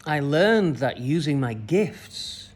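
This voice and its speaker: A man's voice: fairly high pitch, sing-song, slow. Man telling a rambling personal story. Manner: rambling, many fillers and restarts. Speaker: spiritual coach. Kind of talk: personal story told to camera.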